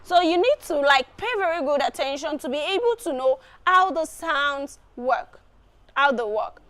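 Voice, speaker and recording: A woman's voice: high-pitched, moderate pace, a bit bright. A woman teaching an exam preparation lesson, explaining step by step and often repeating her phrases.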